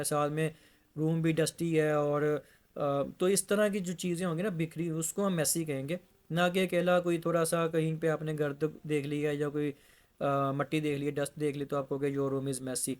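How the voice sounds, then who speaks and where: A man teaching an English lesson, explaining example sentences slowly and repeating them. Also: on the high side.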